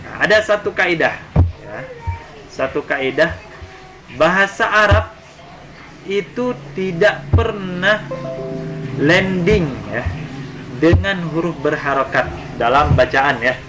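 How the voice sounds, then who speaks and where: A man's voice: a little high, slow pace, long pauses, music in the background, low-quality recording. A man teaching an Arabic lesson in Indonesian. He reads Arabic phrases aloud, then translates and explains them step by step. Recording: faint background noise.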